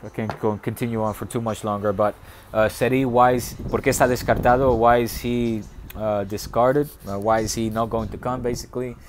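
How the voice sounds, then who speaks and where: A man from the Netherlands hosting a casual football live stream, reading viewer comments aloud and rambling with bursts of excitement. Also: mid-range voice, brisk, slight background noise.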